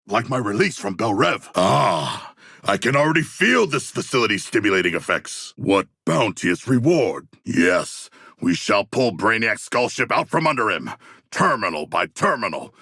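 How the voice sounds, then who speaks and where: King Shark, gravelly and grandiloquent. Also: on the low side, very animated, normal speed, pushed and bright, no room sound, studio quality, full character voice. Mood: proud, eloquent. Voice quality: gravelly, rough. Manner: formal, grandiloquent, literal-minded diction. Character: huge humanoid shark warrior, noble, proud, battle-hungry, earnest. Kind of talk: video game character voice lines.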